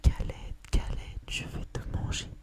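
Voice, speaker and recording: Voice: measured pace, lightly acted. A narrator voicing a hungry, menacing forest beast from a storybook, in whispered role-play. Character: hungry forest beasts: rabbit, wolf, gruff bear.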